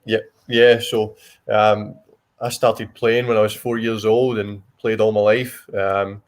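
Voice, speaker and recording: Low, even-toned man with a broad Scottish accent. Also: takes it slowly. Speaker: soccer coach. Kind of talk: interview answers, casual.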